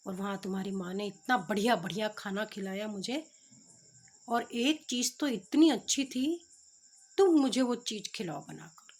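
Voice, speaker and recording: A woman voicing a simple, forgetful village man who pleads and whimpers, with a husky voice. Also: mid-range voice, moderate pace, a little mellow, lightly acted. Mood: insistent.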